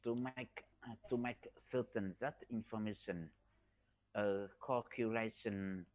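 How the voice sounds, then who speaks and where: A man's voice: lowish voice, fairly even intonation, no room sound. Hesitant Vietnamese man learning English. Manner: hesitant, halting, restarts words. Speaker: English student.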